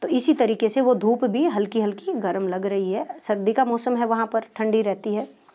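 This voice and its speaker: A woman's voice: a little high, normal speed, dark tone. Patient woman teacher explaining a lesson. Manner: patient, asks and answers her own questions.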